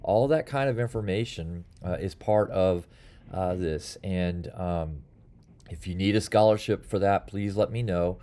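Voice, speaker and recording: A man's voice: sits low, a little slow, dark tone. A man in his fifties, a pastor, giving casual church announcements from a small office, rambling with many fillers and restarts. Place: small office with bookshelf and blinds. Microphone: webcam or phone at desk, close framing.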